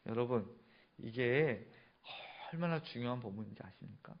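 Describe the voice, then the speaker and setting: A man's voice: medium pitch, lively intonation, normal speed, creaky, lo-fi sound. A male pastor preaching a sermon, asking the congregation questions and answering them himself. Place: church sanctuary.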